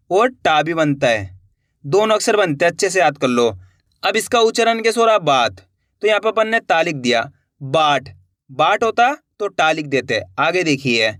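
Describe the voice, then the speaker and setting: A man's voice: sits high, fairly bright tone, no room sound, clean studio sound. A man teaching a spelling lesson in a patient, repetitive way, spelling out words letter by letter and quizzing his viewers with questions as he goes. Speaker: English teacher.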